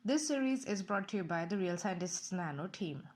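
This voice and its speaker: A woman reading a scripted introduction to a science series in a clear, measured way. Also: on the low side, expressive, darkish tone. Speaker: series presenter.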